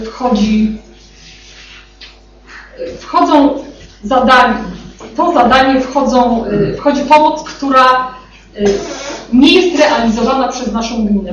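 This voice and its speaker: A woman official presents an annual welfare report, reciting sums of money with many hesitant pauses and filler sounds. She speaks from a distance in a very echoey meeting room, and the recording is dull and carries clear background noise. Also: fairly high pitch. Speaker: municipal social welfare official.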